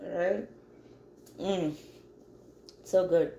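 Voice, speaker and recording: A vlogger in her thirties chats upbeat to a phone camera set on the counter in her home kitchen, calling her viewers "guys." Her low voice is dark and steady, extremely slow, with vocal fry. The room is echoey and the audio dull.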